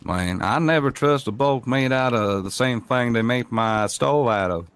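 A man's voice: medium pitch, measured pace, a bit bright, smooth. A man in a western roleplay, bantering in a folksy, drawling way. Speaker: roleplay player.

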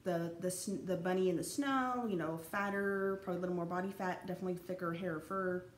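A woman's voice: lowish voice, steady tone, quick pace. A young woman giving a casual, rambling college lecture over slides, full of fillers and restarts. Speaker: college anthropology instructor. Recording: echoey room, faint background noise.

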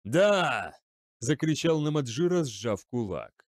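A man reads a dark war novel aloud in a mellow, dry studio voice. His pitch rises and falls widely as he tells the story. He slips into every character himself. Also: normal speed, dry recording. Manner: expressive, acts out every figure. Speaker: audiobook narrator. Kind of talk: dramatic audiobook narration.

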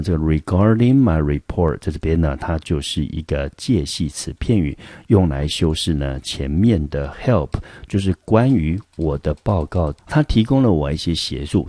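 A man's voice: deep voice, mellow, no room sound, clean studio sound. A man teaching English vocabulary in patient, explanatory Mandarin with a Taiwanese accent, walking through words and example sentences. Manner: patient, explanatory, sprinkles fillers like 呢 and 来.

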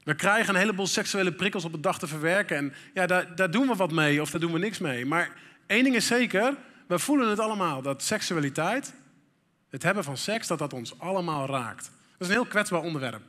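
Candid pastor in a reverberant church. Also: male voice, high voice, animated, brisk, sharp tone. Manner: candid, conversational, with frequent fillers and laughs. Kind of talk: sermon. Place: church hall.

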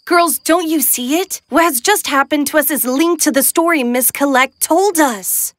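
A woman's voice: sits high, normal speed, a bit bright, dry recording, studio quality. Daisy, eager teen girl. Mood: earnest. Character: eager, curious teenage girl. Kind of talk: cartoon dub.

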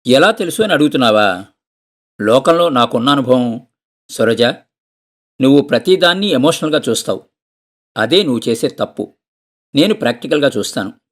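A man's voice: mid-range voice, animated, normal speed, long pauses, lightly acted. A man voicing a stern, practical middle-aged husband who lectures and insists in a storybook reading. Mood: insistent. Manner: insistent, scolding.

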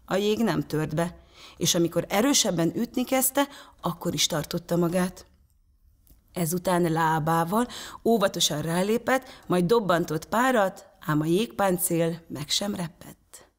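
A woman storyteller from a theatre reading a children's story in a calm, measured way, from a prompter's box. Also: fairly low pitch.

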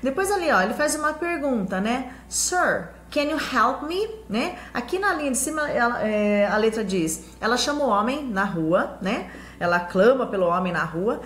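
A woman's voice: on the high side, lively intonation, moderate pace, fairly bright tone. A Portuguese-speaking woman teaching an English lesson in a chatty way, checking in with her viewers often. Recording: echoey room with faint hum.

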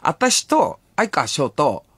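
A woman with a husky voice hosts a radio talk show, telling an anecdote with wildly animated pitch. She acts out every quote. The sound is dry and close. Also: extremely slow, dry recording.

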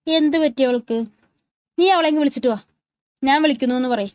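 A woman's voice: sits high, quick pace, a little mellow, no echo, studio quality, close to an everyday voice. A woman voicing an affectionate young man who teases and then turns serious and protective, read as part of a narrated love story. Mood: concerned.

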